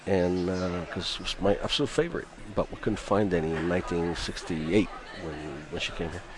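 Radio guest: deep-voiced Cuban-born musician in his fifties, relaxed and chatty. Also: fairly quick, a crowd in the background. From Cuba. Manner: chatty, laughs often, many restarts. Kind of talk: radio interview.

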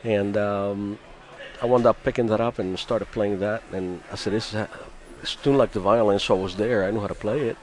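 A man's voice: on the low side, steady tone, brisk. A Cuban-born man in his fifties, a musician, chatting in a radio interview with frequent laughs and restarts. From Cuba. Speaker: musician guest.

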